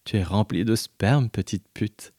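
A man voicing a teasing, commanding young woman friend in a low, hushed, coaxing tone. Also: unhurried, no room sound, studio quality.

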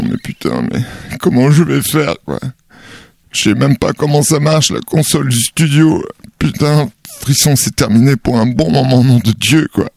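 A man's voice: on the high side, gravelly, darkish tone, no echo, clean studio sound. A man delivering a colloquial, exasperated comedic monologue, dramatic and full of swearing.

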